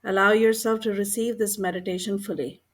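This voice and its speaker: A woman with a mid-range voice narrates a scripted guided meditation calmly and gently, speaking in unhurried short phrases with pauses between them.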